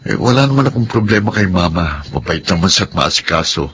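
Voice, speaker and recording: A man's voice: low-pitched, very animated, brisk, noisy background. Man playing a frustrated young husband. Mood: rueful. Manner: complaining, exasperated. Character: young husband Nathan, 30, frustrated, wants independence. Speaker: husband in radio drama. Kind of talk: Filipino radio drama acting.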